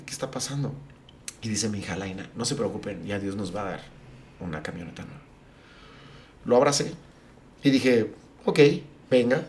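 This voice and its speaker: A middle-aged man, a pastor and podcast guest, telling a personal story and acting out what others said. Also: medium pitch. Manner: animated, acts out the dialogue of family and friends.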